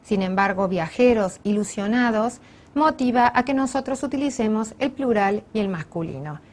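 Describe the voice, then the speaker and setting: A woman teacher giving a recorded online lesson, explaining each point carefully in a measured way and sometimes correcting herself. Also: a little high, a little mellow.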